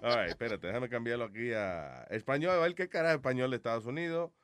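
Laid-back host with lively pitch. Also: male voice, fast talker, clear, resonant tone, no echo, clean studio sound. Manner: laid-back, switches between Spanish and English. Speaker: show host. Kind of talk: casual chat show banter.

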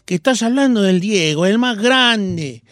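A man's voice: sits high, expressive, unhurried, a bit bright, dry recording, clean studio sound, pitched below the performer's own voice. A man putting on an Argentine accent to play a scolding football fan. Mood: mock scolding. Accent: Argentine (imitated). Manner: scolding, mock-indignant.

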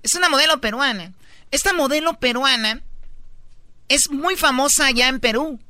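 A woman's voice: high voice, normal speed, sharp tone, no room sound. A woman podcast host telling gossip in a chatty, teasing way. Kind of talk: casual gossip storytelling.

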